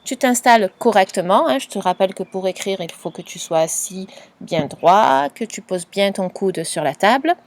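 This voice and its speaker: A woman teacher giving a patient, clearly spoken dictation lesson to a young pupil, spelling out letters and sounds. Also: mid-range voice, lively intonation, normal speed. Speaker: primary school teacher.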